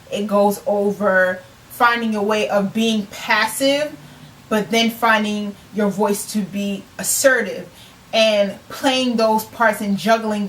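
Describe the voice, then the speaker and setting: A woman's voice: mid-range voice, recorded from a distance, low-quality recording. An earnest woman in her twenties speaks in a casual, reflective vlog manner, often repeating a phrase to press a point home. Her voice sits a little back from the microphone, with a faint hiss underneath. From United States. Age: 20s. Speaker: self-published author.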